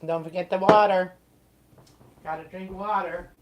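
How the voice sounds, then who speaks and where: Mukbang host: woman, low register, casual talk while eating, unhurried and fragmentary, faintly noisy recording. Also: steady tone. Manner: eating while talking to viewers, unhurried stop-and-start remarks.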